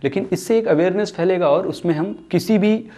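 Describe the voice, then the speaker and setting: A man's voice: high voice, a little fast, dark tone. A young man speaking for a foundation in an earnest social-cause talk, mixing English phrases into his speech and often restarting sentences.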